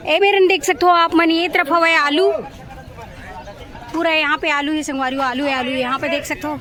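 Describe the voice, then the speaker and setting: A woman's voice: high voice, fairly even intonation, moderate pace, pushed and bright. A woman with a Chhattisgarhi accent giving vlog commentary, repeatedly pointing things out to her viewers as host. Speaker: vlog host touring a market. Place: outdoor wholesale vegetable market. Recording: busy outdoor market crowd, vehicle noise.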